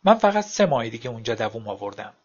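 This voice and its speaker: A man's voice: medium pitch, very animated. A man narrating a story aloud in a wry, plain storytelling manner. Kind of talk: audiobook narration. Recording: dull lo-fi recording.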